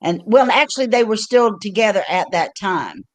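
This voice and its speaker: An older woman hosts her own livestream, her medium-pitched voice expressive and moving at a normal speed. She rambles through stories in casual chat, full of fillers and restarts.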